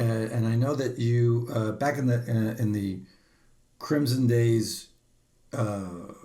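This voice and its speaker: A man's voice: lowish voice, a little mellow. A man hosting a radio show, asking questions eagerly and filling gaps with lots of ums over a video call. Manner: enthusiastic, many fillers. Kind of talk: casual interview.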